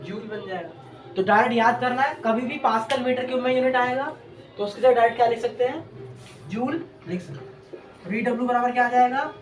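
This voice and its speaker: Woman teacher, higher voice, question-and-answer drilling, distant mic, music behind. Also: brisk. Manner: asks questions and answers them herself; repeats key terms drill-style. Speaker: chemistry teacher. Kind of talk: exam-prep lecture. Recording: echoey room, distant mic, background music.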